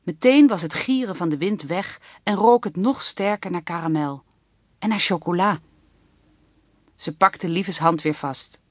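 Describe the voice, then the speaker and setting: A woman narrating a children's book audiobook with even, clear storytelling. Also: on the low side, unhurried, no room sound.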